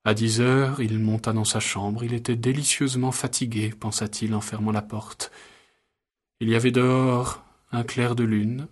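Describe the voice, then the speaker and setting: A man reading a story aloud in an even, measured way. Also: on the low side. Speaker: narrator. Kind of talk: scripted story narration.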